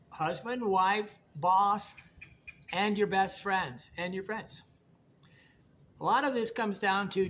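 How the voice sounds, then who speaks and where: A man's voice: high-pitched, a bit bright, slight background noise. A middle-aged man from Indiana talking in a rambling, blunt, folksy monologue, often repeating words as he goes. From Indiana, United States. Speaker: vlogger. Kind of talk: casual monologue to camera.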